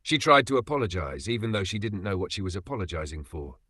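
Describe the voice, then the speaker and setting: A man's voice: sits low, lively intonation, quick pace, pushed and bright, slightly rough. A man narrating a dramatic story with an emotive storytelling manner.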